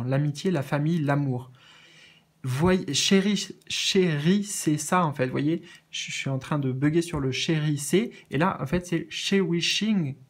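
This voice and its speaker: A man doing a casual spiritual card reading, earnest and gentle, with many fillers and restarts. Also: on the high side. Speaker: medium reading oracle cards.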